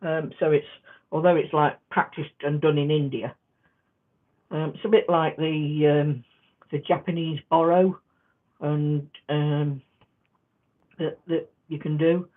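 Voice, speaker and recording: A woman chatting casually in a quilting vlog, rambling and halting with many restarts. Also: deep voice, fairly even intonation. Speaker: quilting vlogger. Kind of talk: casual crafting vlog chat. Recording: tinny phone-like sound.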